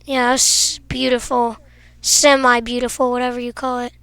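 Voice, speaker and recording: Bright, high-voiced young woman gamer. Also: little pitch movement, moderate pace, no echo. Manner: goofy and teasing, bursts into shouts. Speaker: gaming video creator. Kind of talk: playful gameplay commentary.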